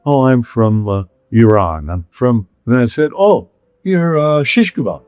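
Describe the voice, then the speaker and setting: A man's voice: medium pitch, expressive, measured pace, a little mellow, clear, resonant tone, dry recording, soft background music. A middle-aged man from California, hosting a casual chat and telling rambling stories with frequent laughs. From Pacific Palisades, California. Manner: rambling storyteller, laughs often. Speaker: podcast host.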